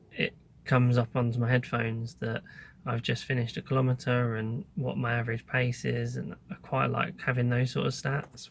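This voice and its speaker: A man's voice: mid-range voice, creaky, a little hiss or hum. A man talking casually as a vlogger, giving an informal update in a hesitant, thinking-aloud way.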